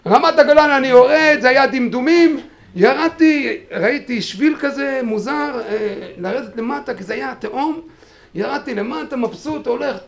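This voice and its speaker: A man speaking at a memorial gathering, telling a personal story in an animated way and acting out quotes with sudden shouts, then urging his listeners on fervently. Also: very high voice, creaky. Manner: animated, acts out quotes with sudden shouts, many fillers and restarts. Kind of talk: personal storytelling eulogy, turning into fervent exhortation.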